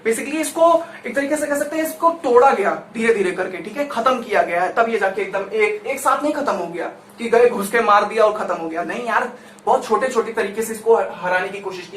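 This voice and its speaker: A man's voice: high-pitched, fairly bright tone. A man from India giving a conversational classroom lecture as a teacher, chatty and constantly checking in with his listeners. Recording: roomy echo, distant mic, faint noise.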